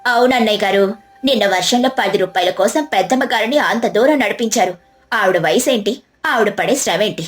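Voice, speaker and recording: A woman's voice: medium pitch, a little fast, natural voice. A woman voicing a clever young housewife who reasons firmly. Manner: firm and reasoning.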